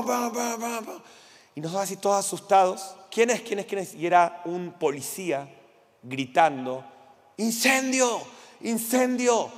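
A middle-aged Argentine pastor with a Rioplatense accent, preaching passionately and acting out stories. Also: male voice, fairly high pitch. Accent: Rioplatense Spanish. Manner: passionate, acts out voices in stories. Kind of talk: sermon with personal anecdotes. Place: church hall. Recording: church hall with long reverb.

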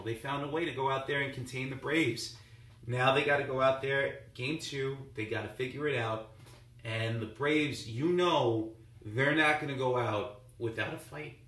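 A man's voice: medium pitch, pushed and bright. A man hosting a sports talk show, rambling through game recaps in a conversational, mildly sarcastic way. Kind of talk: casual sports commentary monologue. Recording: roomy echo, voice somewhat far from the mic.

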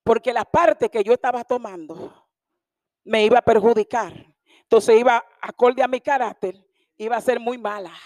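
A woman preaching a passionate sermon, emphatic and sometimes shouting. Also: fairly high pitch, steady tone, moderate pace, dry recording. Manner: impassioned, emphatic, at times shouting.

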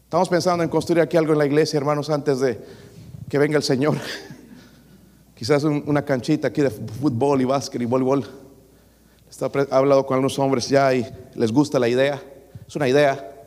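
A man's voice: mid-range voice, fairly even intonation, a little fast, long pauses, darkish tone, long reverb tail. A man preaching a sermon as pastor, asking the congregation rhetorical questions.

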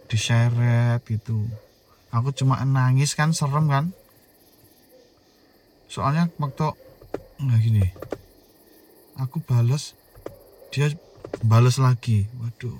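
A man's voice: mid-range voice, a little hiss or hum. A man in his thirties with a Javanese accent, telling a childhood horror story in a casual, jokey way. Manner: animated, jokey, swings between hushed and loud.

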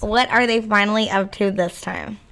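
A woman co-hosting a real estate show, her voice hoarse from a late night, reading listings aloud with playful asides. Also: mid-range voice, fairly even intonation, normal speed, fairly bright tone. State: hoarse, voice worn from staying up late. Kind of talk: casual chat.

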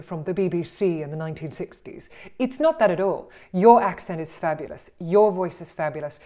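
A woman with an Australian accent, teaching voice and speaking skills in an animated, encouraging way and acting out the exercises she describes. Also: fairly low pitch. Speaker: voice and communication coach. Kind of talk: instructional talk on speaking skills.

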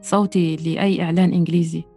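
A woman's voice: on the low side, level tone, very fast, warm tone, breathy edge, faint music behind. A woman hosting an interview, asking short questions and prompting her guest. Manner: brief prompts and acknowledgements. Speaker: interviewer host.

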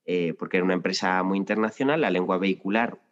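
A Spanish teacher appears as a podcast guest, explaining his language-teaching experience thoughtfully, with plenty of anecdotes and many restarts. His voice is low and fast, and the lo-fi recording carries a long reverb.

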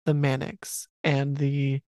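Young female co-host, deep-toned, deadpan and sleepy, close dry mic. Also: slow, dry recording. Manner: dry, blunt, sleepy and yawning. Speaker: podcast co-host. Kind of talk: casual chat about music.

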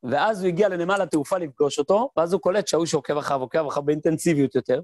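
A man with a fairly high voice, recorded in clean studio quality with no room sound, teaches a Torah class as a rabbi. He's a lively storyteller, mimicking sounds and voices, and he asks rhetorical questions only to answer them himself.

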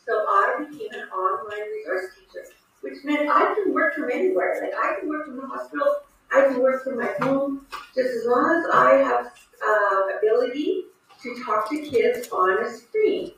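Echoey, high-voiced middle-aged woman in hospital room. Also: fairly bright tone, a little hiss or hum. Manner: encouraging, plain-spoken, addresses listeners directly with rhetorical questions. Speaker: online resource teacher speaking to students. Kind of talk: video call question-and-answer talk to teenagers. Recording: very echoey room, distant mic.

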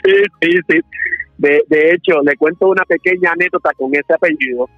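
A man's voice: fairly high pitch, fairly quick, no echo, soft background music. Puerto Rican man on a muffled phone line. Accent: Puerto Rican Spanish. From Puerto Rico. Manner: friendly storytelling, laughs often. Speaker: phone-in guest preacher. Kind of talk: phone interview testimony.

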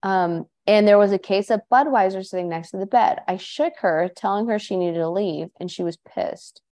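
A woman's voice: medium pitch, normal speed, mellow. Chatty woman podcast host reading stories. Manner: chatty, reads listener stories aloud with asides. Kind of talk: casual podcast chat.

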